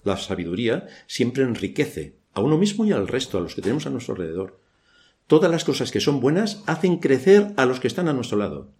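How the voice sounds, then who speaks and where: A man's voice: mid-range voice, sing-song, a little fast, a little mellow. A man from Spain with a Spanish accent preaching a church sermon, asking rhetorical questions and adding dry ironic asides.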